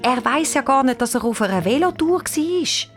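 A woman with a Swiss German accent voicing an excitable young girl who talks high and stammers in quick bursts. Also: faint music behind. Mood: scheming.

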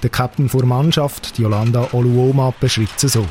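A man's voice: medium pitch, fairly even intonation, normal speed, a little mellow, a little hiss or hum. A man with a Swiss German accent narrating a scripted radio review as a critic.

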